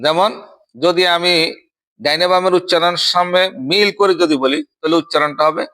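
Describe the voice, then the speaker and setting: A young male Quran teacher leads a recitation drill. He chants verses in long, drawn-out lines, then explains pronunciation in a bright, clear voice. He keeps the lesson moving by asking his student short questions. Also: high voice, steady tone.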